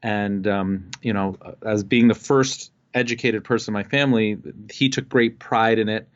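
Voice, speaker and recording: Man, from Costa Rica, interview guest, relaxed storytelling, fillers, slightly dull sound. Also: on the low side, moderate pace. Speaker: guest entrepreneur. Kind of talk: telling his life story.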